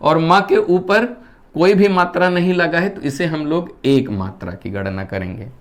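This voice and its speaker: A male Hindi teacher giving a classroom-style lesson. He asks the class questions, answers them himself in a lower voice, and keeps checking that they understand. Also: normal speed. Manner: keeps checking whether students have understood.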